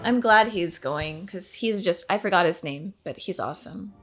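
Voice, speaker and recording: A woman host giving casual, expressive reaction commentary, full of exclamations and interjections. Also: on the low side, normal speed, over music.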